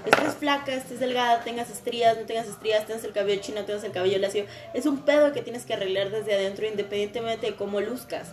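A woman's voice: a little high, fairly even intonation, fast, hardly any pauses. A young woman with a Mexican accent in casual podcast chat, frank and slangy, swearing freely. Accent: Mexican Spanish. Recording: echoey room with faint music.

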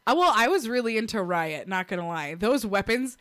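A young woman in casual chat, telling a story in an animated way, swearing freely and laughing as she goes. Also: mid-range voice, fairly quick.

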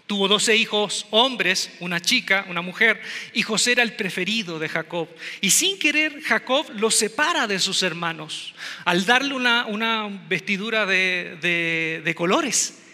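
A male preacher with a very bright, high voice jokes and asks his listeners questions. A long reverb from a large hall hangs behind his words. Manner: humorous, conversational, addresses the congregation. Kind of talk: sermon. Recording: echoey hall.

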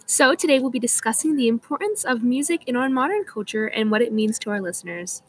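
A woman's voice: on the high side, fast talker, slight background noise. A young woman hosting a scripted mock talk show in an upbeat, slightly stiff way. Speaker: host.

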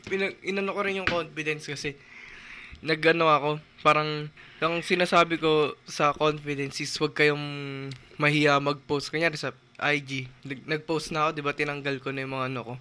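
A man's voice: fairly high pitch, fairly even intonation, brisk, bright, forceful tone, slight background noise. A man chatting casually as a podcast co-host, telling stories with lots of fillers and laughter. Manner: chatty storyteller, often laughing, many fillers. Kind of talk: casual chat.

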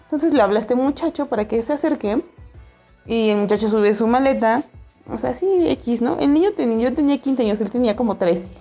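A young woman with a Mexican accent telling a personal story in a casual, animated way, acting out the voices she quotes. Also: fairly high pitch, a little fast, soft background music. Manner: animated, acts out quoted voices, laughs often.

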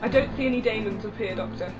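An anxious young woman companion, put on by a man in a homemade audio drama. Her voice sits high and a little thin, always questioning and uneasy. The recording is dull and lo-fi, with music playing underneath. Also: quick pace, close to an everyday voice. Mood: worried. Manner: questioning, worried.

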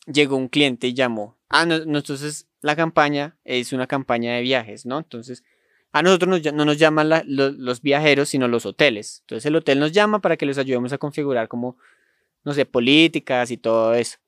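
A man's voice: medium pitch, fairly quick, a bit bright, smooth, dry recording, studio quality. A man with a Colombian accent telling a long anecdote in casual podcast chat, rambling and slangy and laughing often. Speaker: podcast storyteller.

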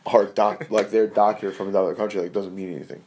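A man's voice: fairly low pitch, fast, slight background noise. Laughing young man telling stories. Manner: laughs often, swears, animated storytelling. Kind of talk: casual chat.

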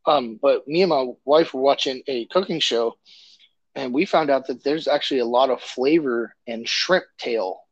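A man's voice: mid-range voice, moderate pace, no room sound, lo-fi sound. A man co-hosting a podcast in casual chat, rambling loosely with lots of fillers and restarts. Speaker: podcast co-host.

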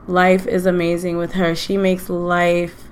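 A woman's voice: on the low side, monotone, measured pace, a little hiss or hum. A middle-aged woman with a Queens, New York accent, talking casually and chattily to her podcast listeners, often repeating herself for emphasis. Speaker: podcast host. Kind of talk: casual personal monologue to listeners.

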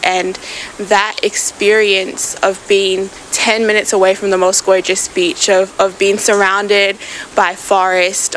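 A woman's voice: mid-range voice, a bit bright, a little hiss or hum, poor audio. A young woman from Samoa speaks earnestly and thoughtfully in a conversational interview. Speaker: interview guest, climate activist.

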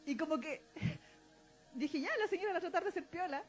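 A woman's voice: extremely high pitch, expressive, fairly quick, faint music behind. A woman with a Chilean accent co-hosting a casual podcast, telling stories with lots of laughter and acted-out dialogue. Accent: Chilean Spanish. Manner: giggly storyteller acting out dialogue. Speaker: podcast co-host. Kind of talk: casual chat.

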